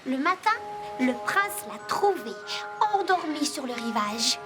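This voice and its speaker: A woman's voice: sits high, expressive, a little slow. A woman playing a dreamy, enthusiastic little girl telling tales in a children's cartoon. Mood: dreamy, storytelling. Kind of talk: animated children's show acting. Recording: music behind the voice.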